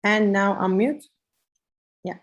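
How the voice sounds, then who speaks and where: A woman's voice: mid-range voice, takes it slowly. Polite woman hosting a video call. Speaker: meetup host.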